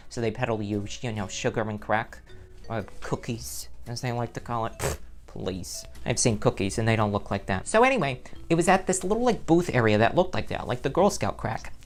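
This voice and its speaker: A very low-voiced, sassy middle-aged nun, as a woman plays her, rambling in a comic vlog. She swings her pitch widely, tumbling from one self-interrupting aside to the next. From New Jersey. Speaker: vlog host. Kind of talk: comedic character vlog.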